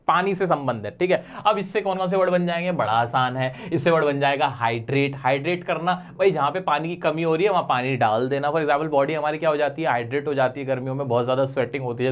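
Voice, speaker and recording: A young man teaching vocabulary in a playful, chatty way, often asking his viewers questions. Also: a little high. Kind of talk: energetic exam-prep lesson.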